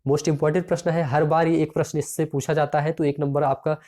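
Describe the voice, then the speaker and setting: A man's voice: fairly high pitch, level tone, brisk, warm tone. A man teaching an exam-prep lesson, reading out each question and its options, then repeating the correct answer and calling his listeners friends.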